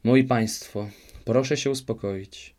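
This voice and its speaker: A man doing a brisk, assured fairy. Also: medium pitch, lightly acted. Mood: calm assured. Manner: calm, matter-of-fact. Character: brisk cheerful fairy godmother, woman.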